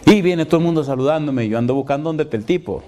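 A middle-aged pastor preaches an emphatic sermon, his voice sitting a little higher than most men's. He keeps asking the congregation rhetorical questions. When he tells his story, he acts out the dialogue himself. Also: fast talker, dark tone.

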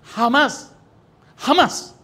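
A male preacher voicing a stern, wealthy older man who speaks slowly and solemnly, rising to emphatic insistence. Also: medium pitch, big pitch swings, breathy edge, full character voice.

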